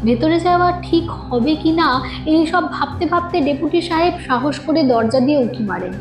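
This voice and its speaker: The narrator of this horror audio story is a woman with a high-pitched, animated voice reading at normal speed. She gives the scripted suspense piece a dramatic storytelling treatment, with studio echo and music beneath her.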